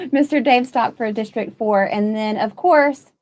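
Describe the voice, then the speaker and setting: A woman's voice: fairly high pitch, measured pace. A woman co-anchoring live election night coverage, reading out results hesitantly with many fillers.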